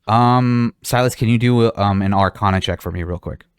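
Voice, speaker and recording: Low-voiced man running a tabletop game. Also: moderate pace, clear, resonant tone, dry recording, studio quality. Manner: casual, rambling, lots of fillers. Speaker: game master.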